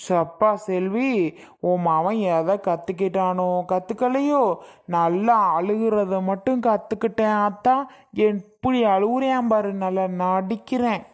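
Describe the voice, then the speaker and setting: A woman's voice: medium pitch, unhurried, darkish tone, lightly acted. A woman voicing a grumbling, teasing village uncle in a cartoon. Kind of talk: cartoon voice acting.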